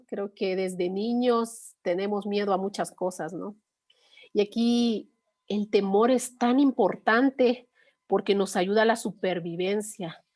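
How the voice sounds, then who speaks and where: A woman's voice: medium pitch, a little mellow. A middle-aged woman, an instructor explaining a topic through everyday examples in a patient, conversational way, often checking in with listeners. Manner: patient, conversational, frequent 'eh' and '¿no?'. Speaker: course instructor.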